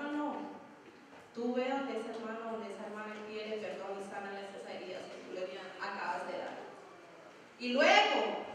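A woman's voice: sits high, fairly bright tone, a little hiss or hum. A woman youth leader preaching a sermon, emphatic, acting out prayers in a pleading voice, recorded in a church hall. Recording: echoey hall recorded from far off.

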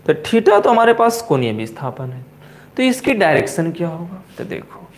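A man with a Bihari accent teaching physics in a coaching classroom, repeating key terms slowly and asking and answering his own questions. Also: high-pitched, sing-song. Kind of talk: classroom lecture at a board.

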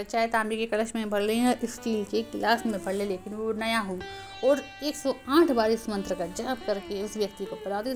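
Earnest woman teaching devotional practice. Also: on the high side. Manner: earnest, explanatory, addresses viewers directly. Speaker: spiritual teacher, channel host. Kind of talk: devotional instruction.

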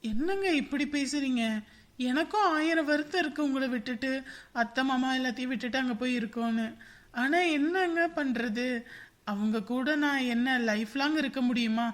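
A woman's voice: high-pitched, normal speed, natural voice. An actress playing a young wife who pleads with her husband in a family drama. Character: young wife leaving for mother's home.

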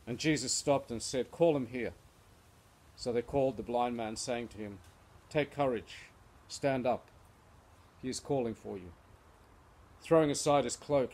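A man reading scripture aloud and then preaching and praying in an earnest, gentle, pastoral way. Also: mid-range voice. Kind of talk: devotional Bible reading and prayer.

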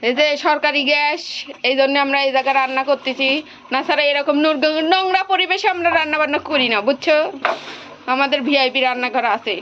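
A woman's voice: sits high, fairly quick, highs cut off, slight background noise. A woman vlogger with a Pabna Bengali accent, chatting casually to viewers while showing picnic cooking at home. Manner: chatty, addresses viewers directly. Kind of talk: casual vlog tour in regional dialect.

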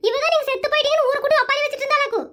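A woman voicing a dramatic young village wife in a cartoon, quick-tongued and argumentative. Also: steady tone, fairly bright tone. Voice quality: very high squeaky cartoon voice. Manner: wailing, fast, argumentative.

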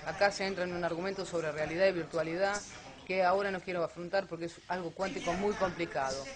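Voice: mid-range voice, steady tone, quick pace. Explaining speaker over crowd noise. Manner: explanatory, rhetorical questions. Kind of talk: lecture on alien abduction.

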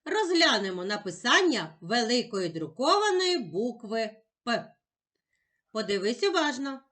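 A woman teacher giving a patient, encouraging lesson for young children, sounding words out slowly and carefully. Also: fairly high pitch, very animated, a bit bright. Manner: slow, carefully sounded-out speech.

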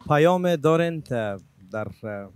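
A man's voice: a little high, expressive, darkish tone, clean tone. A man with an Afghan Dari accent hosting a TV interview, polite and full of formal blessings. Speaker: TV host. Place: TV studio.

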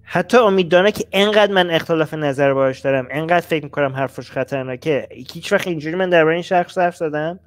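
Brief: male host, reaction commentary, blunt and exasperated, slightly high voice. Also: few pauses. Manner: blunt, exasperated, rising heat.

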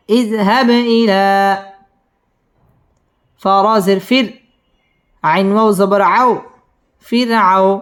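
A man teaching Quran recitation, spelling verses out syllable by syllable and then chanting them melodically. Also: high-pitched.

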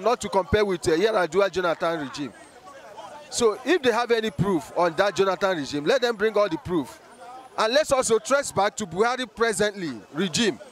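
High-voiced, forceful man. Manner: forceful, complaining, direct. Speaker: passer-by interviewed in the street. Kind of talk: street vox pop opinion. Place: busy city street outdoors. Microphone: handheld mic held by interviewer.

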